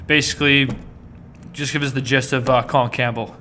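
A man's voice: medium pitch, fairly even intonation, fairly quick, bright, forceful tone, slight background noise. A man in his twenties hosting a casual podcast in a jokey, teasing way. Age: 20s. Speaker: podcast host.

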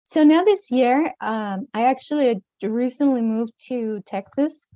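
A Mexican woman who teaches dance speaks casually as an interview guest, her Latin American Spanish accent clear in a fairly high, mellow, soft-edged voice. She pauses often to find words, laughs between phrases, and uses lively intonation. The recording is dry and close, with no echo.

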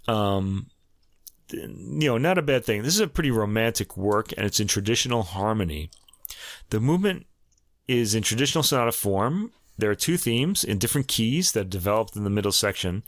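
A man's voice: on the low side, dry recording, clean studio sound. Man with a New York accent. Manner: conversational, many fillers and restarts. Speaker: music review podcast host. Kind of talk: casual music commentary.

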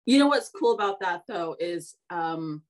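A woman's voice: lowish voice, lively intonation, unhurried. A woman co-hosting a podcast in casual chat, her enunciation slightly impeded by braces and elastics. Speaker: podcast co-host.

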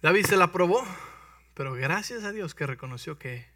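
Man preaching, bright tone, lively storytelling, somewhat distant mic. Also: on the high side, normal speed, dry recording. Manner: lively storytelling, acting out voices and checking with listeners. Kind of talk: sermon. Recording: voice from some distance, dry.

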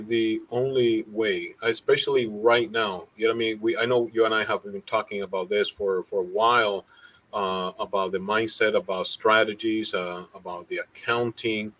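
A man co-hosting a business podcast who talks about accounting earnestly, with frequent restarts and pauses. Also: on the low side, fairly bright tone, rough recording. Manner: halting, many fillers and restarts, earnest. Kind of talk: casual business chat.

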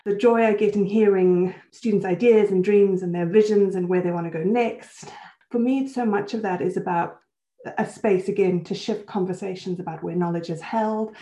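A woman guest from South Africa and Switzerland speaks reflectively about her work, with a soft laugh now and then. Her voice is dark and mellow. She sounds a little roomy, as over a video call. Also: mid-range voice, steady tone, moderate pace. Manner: warm, reflective, laughs easily. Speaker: guest, senior lecturer in applied theatre. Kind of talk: conversational interview answers. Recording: roomy echo.

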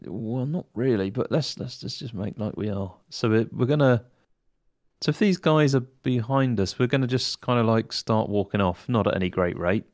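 A man's voice: medium pitch, moderate pace, darkish tone. A man playing a tabletop game, talking through his plans and repeating words as he goes. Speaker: player. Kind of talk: casual tabletop game play.

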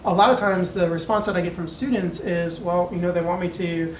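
A man's voice: high voice, fairly even intonation, fairly quick. American male moderator, earnest and thoughtful, off-mic in a reverberant room. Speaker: discussion moderator, educator. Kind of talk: thoughtful unscripted discussion. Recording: echoey room, distant mic, faint noise.

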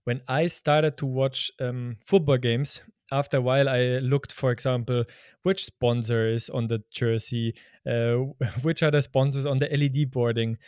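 A man's voice: mid-range voice, steady tone, normal speed, a little mellow, clear, resonant tone, dry recording, clean studio sound. A man hosting a podcast, chatty and stumbling over his words as he asks questions. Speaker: podcast host. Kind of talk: casual interview chat.

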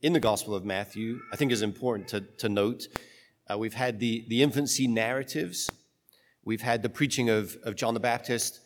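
A man serving as priest reads the gospel and then preaches a homily in a conversational, halting way, with his voice carrying a long cathedral-like echo from the pulpit. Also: mid-range voice, steady tone, a little hiss or hum. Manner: conversational, halting, with many restarts. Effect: long cathedral-like church echo. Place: church, speaking from the pulpit. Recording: long reverb of a large church.

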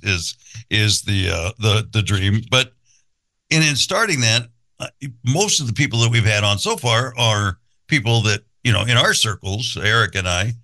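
A man hosting an interview podcast, speaking haltingly with many fillers and restarts. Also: lowish voice, bright, forceful tone. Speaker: podcast host. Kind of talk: casual interview.

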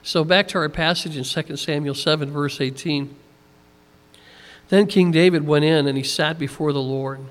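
A man's somewhat high voice carries through a large room with a long, trailing reverb. He preaches as an easygoing pastor, folksy and a little tired, scattering "you know" through his sentences. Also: steady tone, normal speed. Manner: conversational, folksy, many "you know" fillers. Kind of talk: sermon.

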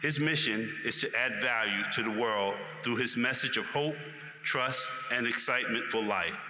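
A man giving a formal, measured introduction of a speaker at a ceremony. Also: medium pitch, sharp tone. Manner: measured, formal, read-out delivery. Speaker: commencement announcer introducing the speaker. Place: large ceremony hall with an audience. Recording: echoey hall, crowd and noise behind.

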